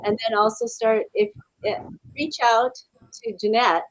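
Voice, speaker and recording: A woman with a fairly high voice hosts a live online Q&A, chatty and loose, with lots of ums as she reads viewer questions aloud. Her sound is dry and close, like a video call. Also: steady tone, unhurried, no echo, poor audio. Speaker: webinar host. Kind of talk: live webinar Q&A.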